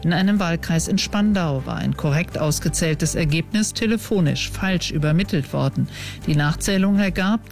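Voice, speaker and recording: A man delivering a scripted radio news report in a formal, even way. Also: fairly high pitch.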